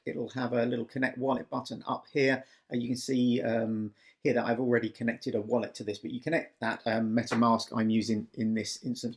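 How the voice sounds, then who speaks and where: Man, medium pitch, tutorial presenter, casual walkthrough, explanatory, step-by-step delivery. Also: slightly rough. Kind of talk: casual screen-recorded walkthrough. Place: voice-over for a screen recording.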